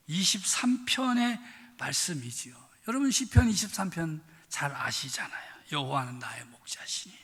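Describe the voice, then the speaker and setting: High bright-voiced male pastor preaching. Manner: earnest, repeats phrases for emphasis. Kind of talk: Sunday sermon. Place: church sanctuary. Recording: reverberant church hall.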